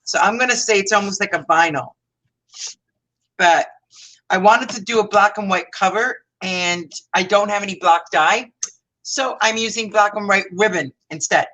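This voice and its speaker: On a craft live stream, a Canadian woman chats casually, rambling and correcting herself as she works through a demo. Her voice is medium-pitched and sharp-toned at a moderate pace, and the audio quality is poor.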